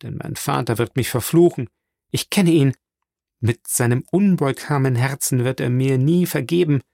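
A man's voice: medium pitch, moderate pace, vocal fry, warm tone, no room sound, clean studio sound, close to an everyday voice. A man reading an audiobook, voicing a pious young woman in despair who pleads fervently and through tears. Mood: resolute, fervent.

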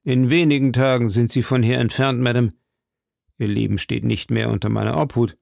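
A man's voice: medium pitch, steady tone, brisk, vocal fry, a little mellow, no room sound, studio quality. A man reading an audiobook, voicing an earnest young army officer who speaks firmly and dutifully. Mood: troubled.

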